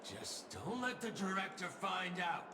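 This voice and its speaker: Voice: mid-range voice, big pitch swings, measured pace. Casting: rule-bending game security officer, clipped official delivery, echoey noisy audio. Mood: brisk, official. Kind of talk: video game voice acting.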